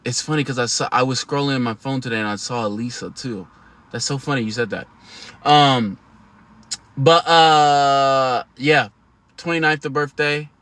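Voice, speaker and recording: Slangy, bright-voiced man in his thirties. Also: mid-range voice, normal speed. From United States. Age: 30s. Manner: slangy, emphatic, chatty with laughs. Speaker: livestream host. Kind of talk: casual livestream talk to viewers.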